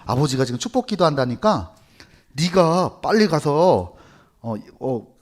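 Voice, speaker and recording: Bossy, scheming mother rushing her son, played lightly by a man; lively pitch. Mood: urgent.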